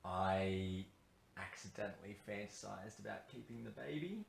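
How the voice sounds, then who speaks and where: A young Australian man in an acted scene, gentle and reassuring with dry humour. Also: sits low, moderate pace. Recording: echoey room with faint hum.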